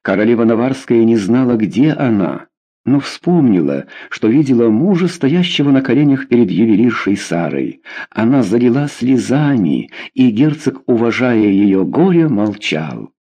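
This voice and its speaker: A man narrating a historical novel in an expressive, measured audiobook reading. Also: medium pitch.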